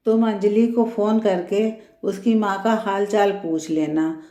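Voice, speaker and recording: A woman voicing a tired, calm young married man who reasons gently in a storybook reading. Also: medium pitch, a little slow, reverberant, close to an everyday voice.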